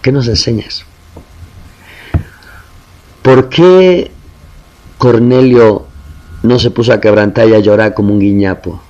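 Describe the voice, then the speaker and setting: A man's voice: lowish voice, little pitch movement, a little fast, warm tone, muffled recording. A man preaching a sermon in Spanish, impassioned, building emphatic lists and calling his listeners brother.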